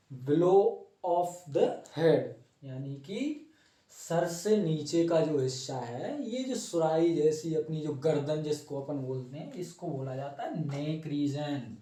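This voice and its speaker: A man's voice: fairly high pitch, dark tone, distant mic. Playful Hindi-speaking man teaching in an echoey room. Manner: playful, self-mocking, chatty. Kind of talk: joking informal class, drawing on a board.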